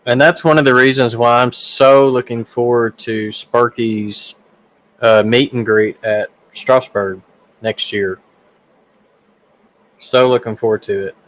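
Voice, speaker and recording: A man's voice: mid-range voice, fairly even intonation, takes it slowly, fairly bright tone, low-quality recording. A man from central Arkansas with a Southern accent, chatting easily as co-host of a livestream and adding details as he goes. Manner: easygoing, adds details as he goes. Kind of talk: casual livestream chat.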